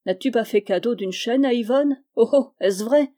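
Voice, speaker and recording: A rowdy, sarcastic seafaring man, quick to laugh and full of boastful mockery, put on by a woman narrating a storybook. The voice is mellow underneath but pushed higher and louder for him. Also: lightly acted. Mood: teasing. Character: boisterous, mocking male island sailor.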